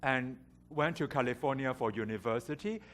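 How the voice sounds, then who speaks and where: This guest preacher, who grew up in Hong Kong, shares personal stories from the pulpit of a church sanctuary with candor, light humor and a willingness to poke fun at himself. He has a medium-pitched, fairly bright voice and a moderate pace.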